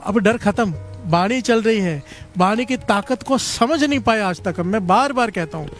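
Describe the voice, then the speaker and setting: A man's voice: high voice, lively intonation, moderate pace, a bit bright, soft background music. A man preaching a Sikh storytelling sermon, calling the congregation to answer back again and again. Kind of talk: storytelling sermon with call-and-response.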